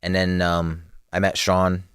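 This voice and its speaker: A young man with a very deep, low voice talks as a podcast guest. He is relaxed and slangy and laughs easily. The sound is dry and close to the mic. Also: measured pace, clean tone, no echo. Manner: laid-back, laughs often, street slang. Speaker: podcast guest, clothing brand co-owner. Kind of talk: casual podcast chat.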